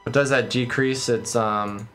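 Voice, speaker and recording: A man's voice: mid-range voice, steady tone, a little slow. Male game streamer with music behind him. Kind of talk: casual game commentary, reading game text aloud.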